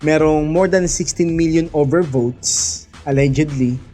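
A man's voice: a little high, unhurried, dark tone. A man giving a heated, mocking political rant, often laughing scornfully and swearing as he addresses the president and his viewers directly. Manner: speaks directly to the president and to viewers as "mga idol". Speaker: political vlogger. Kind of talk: ranting political commentary. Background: background music.

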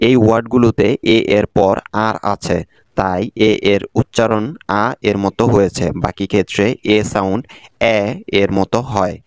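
A man with a Bangladeshi Bengali accent narrating an English phonics lesson, breaking words into sounds in a careful, deliberate way. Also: on the low side, fairly even intonation, clean tone, no echo, clean studio sound. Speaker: English teacher.

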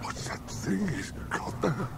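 An actor playing a blustering, grumbling old sea captain in a radio drama. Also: male voice, a little high, sing-song, slow pace, gravelly, noisy background, full character voice. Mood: muttering, dismayed.

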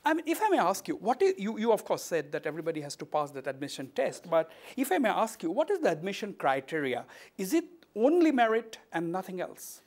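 A man's voice: high voice, wildly swooping pitch, a little fast, hardly any pauses, darkish tone. A middle-aged man with an educated Indian accent, questioning formally and courteously as a television talk show host. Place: indoor office set.

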